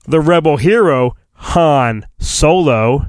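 A middle-aged American podcast host reads a storybook dramatically on his phone, breaking in with informal, wisecracking asides and interrupting himself. His voice is fairly high, with lively intonation and a slow pace. The homemade phone recording has a roomy echo and faint music behind it.

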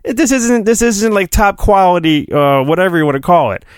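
A middle-aged man hosts a solo podcast, rambling casually and slipping into mock-dramatic storybook reading with a joking, self-deprecating streak. His voice is high-pitched and fairly quick, captured dry with clean studio sound.

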